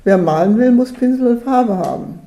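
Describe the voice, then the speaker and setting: A narrator doing a gentle indulgent mother. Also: mid-range voice, lively intonation, normal speed, voice pushed up, lightly acted. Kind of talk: storybook reading. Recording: roomy echo.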